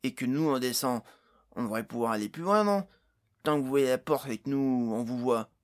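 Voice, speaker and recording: A man's voice: medium pitch, normal speed, natural voice. A male narrator voicing a grumbling, practical male adventurer in a storybook. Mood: suggesting. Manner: grumbling, matter-of-fact.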